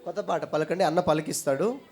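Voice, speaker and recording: A man's voice: fairly high pitch, quick pace, loud music behind the voice. A man teaching at a children's Bible school, chatting casually and quizzing the kids with playful questions.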